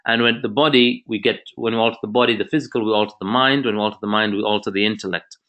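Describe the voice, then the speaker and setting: A man's voice: fairly low pitch, steady tone, rapid-fire, a bit bright, dull audio. A man from Zambia giving an earnest motivational presentation on a video call, talking in long, flowing sentences. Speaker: presenter of an online info session.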